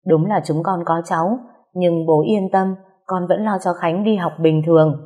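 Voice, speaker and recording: A calm young man speaks earnestly and respectfully, steady and low, as a woman narrator voices him. He sounds composed even under pressure. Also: moderate pace, close to an everyday voice.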